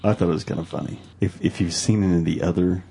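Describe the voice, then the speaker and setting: A man co-hosts a podcast in crude, laid-back banter. His voice is very deep and gravelly with a husky edge. He keeps a relaxed, joking tone. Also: fast. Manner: laid-back and joking, bursts into high laughs. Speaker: podcast co-host.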